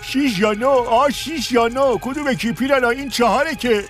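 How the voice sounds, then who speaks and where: A man's voice: very high-pitched, a bit bright. A man playing a vain, theatrical shark who is the actor of an animal crook gang in a dubbed cartoon, chatty in delivery. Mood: flustered. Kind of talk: animated film dub acting. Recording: faint music behind the voice.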